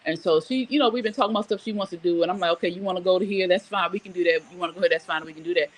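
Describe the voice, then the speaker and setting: A middle-aged woman with a voice on the low side talks very fast on a low-quality recording. Hosting a casual live morning show, she chats conversationally, reads viewer comments, tells personal stories, and hands out frank, emphatic advice.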